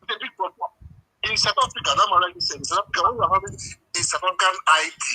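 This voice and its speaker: High, husky man calling in. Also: very fast, sharp tone, poor audio. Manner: earnest, leans on "you know". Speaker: caller. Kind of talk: phone-in commentary.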